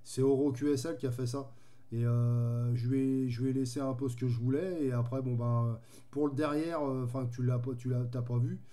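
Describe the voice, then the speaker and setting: An amateur radio operator chats casually in an easygoing, rambling way. His mid-range voice is dark in tone, fairly even in intonation, and moderately paced.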